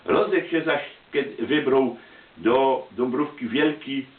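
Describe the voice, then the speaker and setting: Silesian guy telling chatty stories in dialect, medium pitch, thin phone-like sound, roomy. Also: slow pace. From Silesia, Poland. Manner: chatty, colloquial. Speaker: storyteller, amateur photographer. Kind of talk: personal anecdote monologue in dialect. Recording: tinny, roomy, distant microphone.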